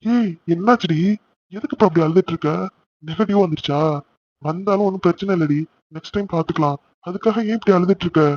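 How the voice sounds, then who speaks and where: A man's voice: sits high, quick pace, lo-fi sound, slight background noise, natural voice. A man voicing a young cartoon husband, eager and affectionate, teasing his wife playfully. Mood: coaxing. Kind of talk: cartoon voice acting.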